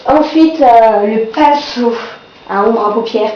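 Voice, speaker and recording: A woman's voice: fairly high pitch, slow pace, mellow. A young woman with a blocked-nose, sore-throat voice from a cold, casually reviewing products in a vlog. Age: teenager or young adult. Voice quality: congested, blocked-nose nasal voice. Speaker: beauty vlogger. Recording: dull, roomy, faint background noise.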